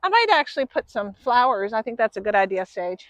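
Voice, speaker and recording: A woman hosting a gardening video outdoors, explaining her planting in a relaxed, chatty way. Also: on the high side, fairly quick, slight background noise. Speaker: gardening channel host. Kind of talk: casual how-to gardening talk. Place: outdoors in a garden bed in a grassy field.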